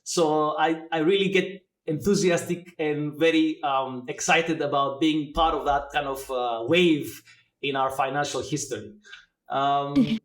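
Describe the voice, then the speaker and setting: A man in his forties, originally from Greece, answers questions about his background as an interview guest. His voice sits slightly high for a man and carries an echo from the room. He pauses often with fillers while he thinks out loud. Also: steady tone. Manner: thoughtful, many filler pauses. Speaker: guest, blockchain educator. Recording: echoey room.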